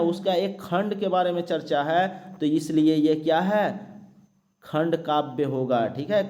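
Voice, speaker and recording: A man teaching an exam-prep lecture. He reads each question slowly, then explains the answer step by step. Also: on the high side, darkish tone. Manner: explains step by step, frequent "ठीक है" and "दोस्तों".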